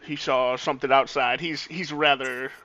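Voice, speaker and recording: Deadpan male player with a sharp, bright voice on a lo-fi mic. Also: medium pitch, moderate pace, dry recording. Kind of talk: tabletop game play.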